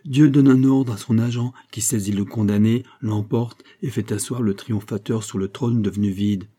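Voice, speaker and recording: A man voicing a calm, disdainful, scheming churchman in an audiobook, measured and quietly mocking. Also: fairly low pitch, slightly rough. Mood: cool. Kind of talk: audiobook character reading.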